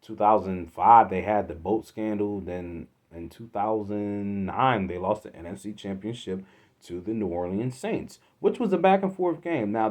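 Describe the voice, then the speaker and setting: A man from Philadelphia hosting a solo sports podcast, exasperated, swinging from loud outbursts to low muttering. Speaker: podcast host.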